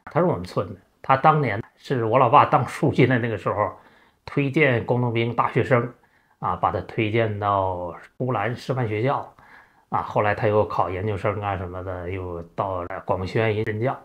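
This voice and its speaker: A man's voice: fairly low pitch, a bit bright. A middle-aged man, hosting a storytelling monologue in a chatty way, often stretching out "啊" fillers. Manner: chatty, with frequent drawn-out "啊" fillers. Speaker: host.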